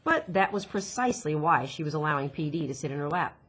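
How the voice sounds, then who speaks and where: A woman, a teacher working as an audiobook reader, narrates a children's novel expressively from the text. Her voice is deep, a bit bright and slightly rough, and she reads fast.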